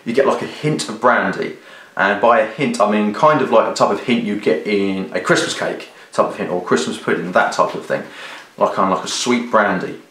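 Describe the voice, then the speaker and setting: Low-voiced British man in an echoey room. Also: a little fast, fairly bright tone. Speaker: video reviewer. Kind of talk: casual product review to camera. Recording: roomy, echoey sound.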